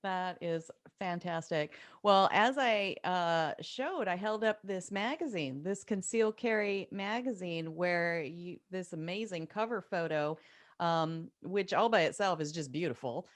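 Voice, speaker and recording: A woman hosting an interview in a conversational style, appreciative and leading gently into her questions. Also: fairly low pitch, a little slow, no echo. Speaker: interview host.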